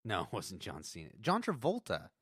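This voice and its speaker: A man's voice: fairly low pitch, huge pitch swings, normal speed, a bit bright, breathy edge, no echo, clean studio sound. A man co-hosting a podcast, chatting casually about an episode, laughing often and stumbling over restarts as he reads trivia aloud. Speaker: podcast co-host.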